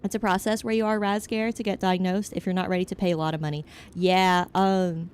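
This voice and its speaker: A woman's voice: fairly low pitch, flat delivery, fairly quick, darkish tone, a little hiss or hum. A young woman streaming as a VTuber, chatting casually with her chat in a rambling, frank, joking way that hops from topic to topic. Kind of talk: casual chat, answering chat while gaming.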